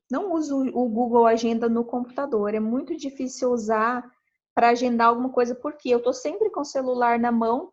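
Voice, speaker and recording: A woman's voice: fairly high pitch, darkish tone, lo-fi sound. A woman with a Brazilian Portuguese accent, a productivity mentor walking viewers through a screen-share tutorial in a chatty, explanatory way that keeps checking in with them.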